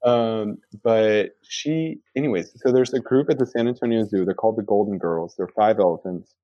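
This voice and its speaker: In a dry recording with no echo and a slightly dull sound, a man with an American accent chats at a normal pace. His voice sits on the low side, and he's loose and playful, peppering his talk with "like."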